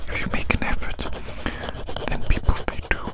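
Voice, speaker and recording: Right against the mic, an ASMR performer whispers with a breathy softness, rambling slowly and gently repeating phrases.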